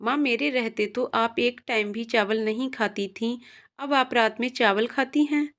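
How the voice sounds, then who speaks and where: A woman voicing a caring grown daughter, calm and firm in her replies. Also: fairly high pitch, unhurried.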